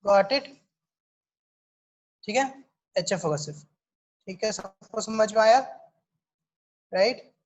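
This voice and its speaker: Woman, chemistry teacher, slow deliberate pace, keeps checking the class understands. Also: mid-range voice, darkish tone, slight background noise. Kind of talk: online class lecture, mixing Hindi and English.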